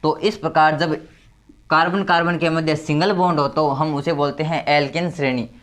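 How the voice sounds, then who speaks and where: Higher-voiced man tutoring chemistry. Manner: repeats key terms, counts slowly aloud. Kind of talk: explaining step by step at a board.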